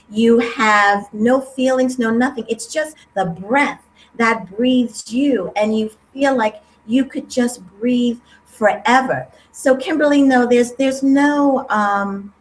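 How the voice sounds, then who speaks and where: Middle-aged lady, soft heartfelt spiritual talk, kinda high voice, bit of background hum. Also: rough recording. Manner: gentle, soothing, heartfelt. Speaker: breathwork teacher, guest.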